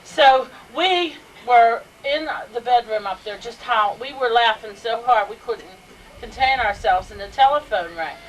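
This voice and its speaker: At a family gathering inside a house, an older woman casually tells funny anecdotes, laughing as she goes, her voice a little high and a little slow. The home video recording sounds slightly distant with faint background noise.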